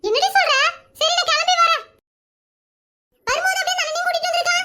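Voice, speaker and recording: A performer voicing a chatty, dramatic village woman in an animated cartoon, scolding and whining for comic effect. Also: very high voice, fairly quick, full character voice.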